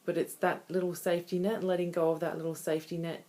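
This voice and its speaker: A woman's voice: lowish voice, little pitch movement, quick pace, warm tone. A woman in her thirties talking candidly and conversationally in a casual personal video diary. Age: 30s. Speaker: vlogger.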